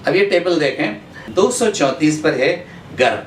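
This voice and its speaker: A man from India teaching an Urdu pronunciation lesson, going through words in a measured way, repeating each one and pausing on drawn-out "uh" fillers. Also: fairly high pitch, animated, far from the mic. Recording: echoey room, voice off-mic, faint background hum.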